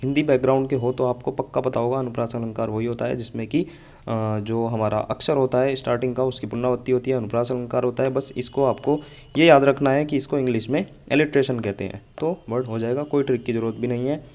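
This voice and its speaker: A man's voice: medium pitch, steady tone, quick pace, a little mellow. A man teaching English vocabulary for exam preparation, patiently explaining words and repeating memory tricks. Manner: explains patiently, repeats mnemonics, says "ठीक है" often. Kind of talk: exam-prep lesson with mnemonics.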